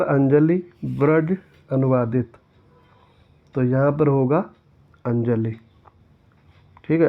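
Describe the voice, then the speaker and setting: A man walks through exam answers as a teacher, reading each question aloud before correcting it step by step. His voice sits at an ordinary middle pitch. The sound is thin and tinny, as if heard over a phone. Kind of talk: exam-prep lesson explaining answers.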